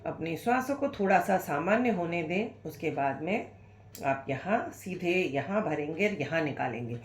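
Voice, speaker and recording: Lowish woman voice, yoga teacher leading breathing drills, sore throat and coughy, patient and reassuring, echoey room. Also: animated, normal speed, noisy background. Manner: patient, instructive, reassuring, encouraging. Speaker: yoga and pranayama instructor. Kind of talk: guided breathing exercise lesson.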